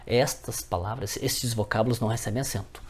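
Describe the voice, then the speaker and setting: Husky man teaching grammar. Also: lowish voice, steady tone, brisk. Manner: addresses viewers as friends, checks with "certo?". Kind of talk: grammar lesson.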